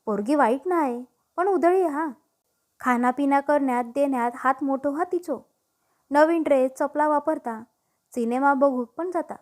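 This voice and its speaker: A woman's voice: high-pitched, a little slow. A woman voicing a sly gossiping auntie. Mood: insinuating. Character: gossiping middle-aged woman neighbour, sly.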